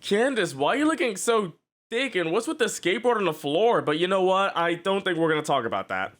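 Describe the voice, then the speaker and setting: A woman's voice: on the low side, sing-song, brisk. A woman hosting a reaction video, giggly and incredulous in casual commentary.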